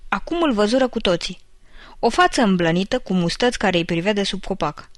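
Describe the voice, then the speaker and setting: A woman reads a children's audiobook aloud in an even, measured pace of narration. She sits close to the mic in a dead dry space, her voice at a middling pitch. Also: dry recording. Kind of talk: scripted narration.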